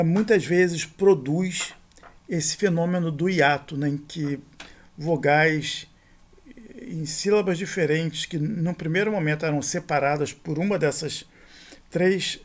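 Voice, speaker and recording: A middle-aged man teaching a recorded grammar lesson, patient and repetitive, often checking with a quick tag question. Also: fairly high pitch. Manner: patient, repeats points, frequent "né?" tag questions.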